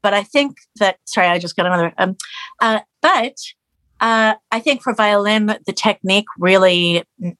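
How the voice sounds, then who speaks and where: A middle-aged Canadian musician raised in Los Angeles chats as a guest in a conversational interview, her mid-range voice moving at normal speed on a dry recording. She's animated, restarts often, leans on fillers, and raises her voice when quoting others.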